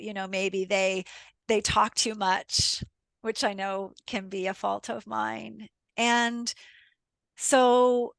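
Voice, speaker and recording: A middle-aged woman coach talks at an unhurried pace, her voice carrying some fry. She poses reflective questions to listeners and recounts stories from coaching sessions, recorded close and dry. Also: a little high, a bit bright, no echo. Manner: reflective, rhetorical questions, retells client stories. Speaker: communication coach. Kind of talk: podcast talk with listeners.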